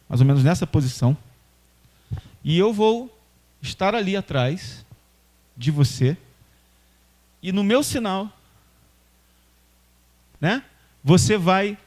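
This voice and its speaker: A preacher doing a calm, patient Jesus. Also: male voice, high-pitched, slow, pauses often, voice pushed up. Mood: instructing. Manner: patient, instructing. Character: calm, patient male Jesus, gently firm.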